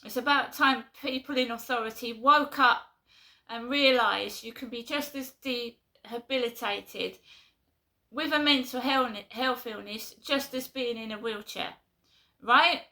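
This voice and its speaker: Woman with a London accent, fed-up vlogger, slightly high, sharp forceful tone. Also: measured pace. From London, England. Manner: exasperated, repeats herself, talks in short bursts. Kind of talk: casual venting vlog.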